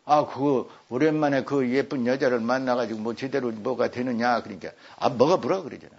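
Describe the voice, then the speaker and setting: A man's voice: mid-range voice, steady tone, normal speed, gravelly. An older man giving a lecture, repeating words for emphasis. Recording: dull lo-fi recording.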